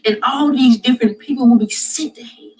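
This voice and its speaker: A man telling a vivid religious dream in a halting, repetitive way that grows loud and intense. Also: very high voice, poor audio. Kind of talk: personal dream testimony.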